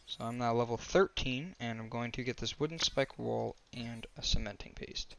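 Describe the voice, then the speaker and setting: A man talks through a game tutorial in a loose, casual voice-over, stopping to restart and correct himself as he goes. His voice is bright and forward at a middle pitch. Faint clicks sit under it. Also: normal speed, vocal fry, a little hiss or hum. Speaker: gaming tutorial creator.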